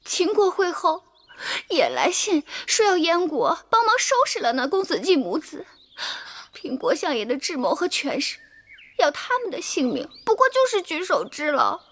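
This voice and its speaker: A woman's voice: extremely high pitch, huge pitch swings, normal speed, fairly bright tone, heavily acted. An actress playing a bitter, vengeful noble lady in a period TV drama, insistent and demanding.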